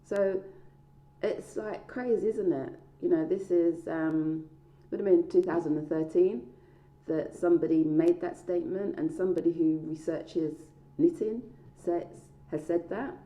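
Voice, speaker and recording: Filming herself on an indoor staircase, a middle-aged British knitter and researcher gives a conversational talk, playfully questioning herself. Her voice is on the low side and warm, a little slow, and the stairwell makes the sound dull and echoey.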